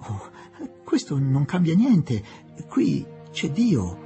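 Elderly Englishwoman in an audiobook, voiced by a man, gentle, polite, hesitant, high-pitched, lively pitch. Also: takes it slowly, soft background music, full character voice.

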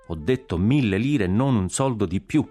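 Male reader as a stern commanding governor, deep voice, curt, storybook reading. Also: animated, normal speed, dark tone, faint music behind, close to an everyday voice. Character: inflexible American male governor, angry.

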